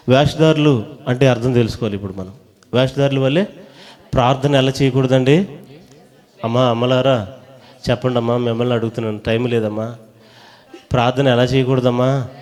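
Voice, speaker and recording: A man preaching a sermon in a church hall, pressing the congregation to call back their answers loudly. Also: medium pitch, fairly even intonation, moderate pace, long pauses.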